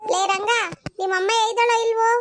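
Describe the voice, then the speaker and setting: A woman voicing a busy village farm woman in a cartoon, speaking briskly. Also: very high voice, steady tone. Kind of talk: cartoon voice acting.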